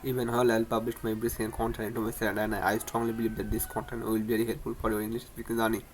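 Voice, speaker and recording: A low-voiced man teaches beginner English on his own channel in a casual lesson, speaking rapid-fire in a flat tone with little rise or fall. He repeats himself, often stumbles, and keeps restarting, while faint noise sits beneath the audio.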